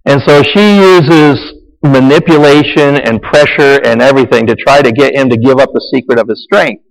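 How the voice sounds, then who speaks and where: A man's voice: mid-range voice, moderate pace, gravelly. A man preaching a Bible lesson in a conversational, repetitive way, with offhand asides. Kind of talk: sermon-style teaching. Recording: echoey hall reverb.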